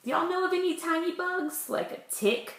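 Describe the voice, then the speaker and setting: A woman with a very high, fairly bright voice speaks at a normal speed as a preschool teacher leading circle time, reading a picture book and asking small children simple questions while explaining words. She is indoors in a room at home, and the recording is roomy and echoey.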